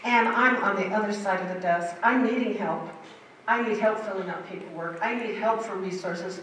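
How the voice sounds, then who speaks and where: A woman's voice: medium pitch, normal speed, a bit bright, distant mic, slight background noise. An older woman giving a personal testimony in a church, telling her story in a vivid, emphatic way. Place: church sanctuary. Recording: very echoey hall, heard from afar.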